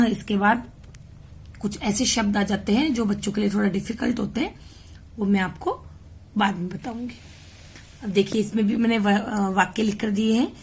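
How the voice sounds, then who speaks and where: A woman tutor from India going through a grammar worksheet, reading words out slowly one by one. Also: mid-range voice, gravelly, darkish tone, husky. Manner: slow, deliberate, spells words out one by one. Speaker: home tutor. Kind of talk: explaining a worksheet.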